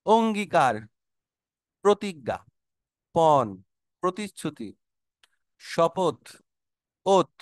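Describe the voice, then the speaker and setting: A man's voice: on the high side, clear, resonant tone, dry recording, clean studio sound. A man teaching a vocabulary lesson, calling out word lists with emphatic stress and explaining them patiently to students.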